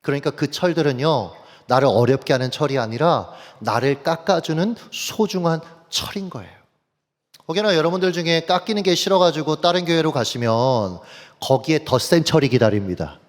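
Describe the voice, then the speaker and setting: A male pastor preaching a sermon, telling personal stories in an animated way and speaking straight to his congregation. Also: on the high side, normal speed. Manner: animated, anecdotal, addresses congregation directly. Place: church sanctuary. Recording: long church hall reverb.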